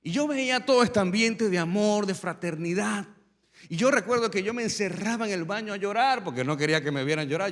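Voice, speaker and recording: In a large hall, a pastor with a high-sitting voice preaches a sermon. He shares his own testimony and builds up to loud, emphatic preaching.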